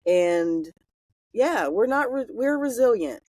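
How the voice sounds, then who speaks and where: A woman with a Southern US accent, chatting casually as a podcast co-host and firing off quick questions. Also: on the high side, lively intonation, darkish tone, no room sound. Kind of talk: casual chat.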